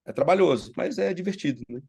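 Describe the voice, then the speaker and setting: A middle-aged man tells anecdotes as an interview guest, lively, and acts out the lines of the people in them. His voice sits a bit high and has a gravelly edge. He sounds congested from sinusitis. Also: fast. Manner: animated storyteller, acts out quoted dialogue. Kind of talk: storytelling in a casual interview.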